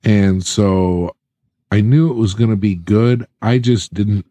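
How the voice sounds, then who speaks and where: A man co-hosting a podcast in casual chat, relaxed and measured. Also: lowish voice, no echo. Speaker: podcast co-host.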